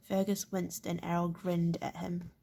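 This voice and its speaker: A woman reading a novel aloud, halting and correcting herself as she goes. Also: fairly low pitch, level tone, gravelly, background noise. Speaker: reader.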